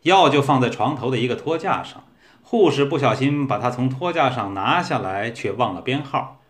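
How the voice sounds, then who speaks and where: A man reads a short story aloud in an even, measured way. His voice sits at a middling pitch, neither high nor low. He tells it steadily from start to end. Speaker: narrator. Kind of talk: storybook reading.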